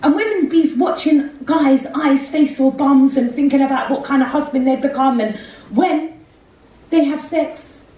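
A woman recites spoken word poetry on a red-curtained theatre stage, her high, mellow voice moving a little slowly with a rhythmic street inflection. She speaks into a handheld mic, but the far camera places her at a distance. The hall is very echoey.

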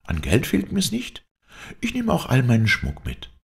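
A man's voice: mid-range voice, wildly swooping pitch, a little slow, vocal fry, voice pushed up, heavily acted. A man voicing a spirited young woman circus rider in an audiobook, talking in an urgent, playful rush. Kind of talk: audiobook character voice.

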